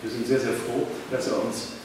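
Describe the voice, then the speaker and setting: A man's voice: medium pitch, level tone, moderate pace. A man with a German accent, a native German speaker, hosting a live stage introduction with somewhat hesitant, repetitive phrasing. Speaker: festival host introducing guests. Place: large echoey room, public festival talk. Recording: echoey hall, distant mic, clear noise.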